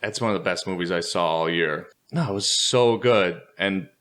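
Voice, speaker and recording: Jokey low-voiced European man. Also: moderate pace. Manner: animated, jokey, puts on silly voices. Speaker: podcast co-host. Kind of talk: casual chat.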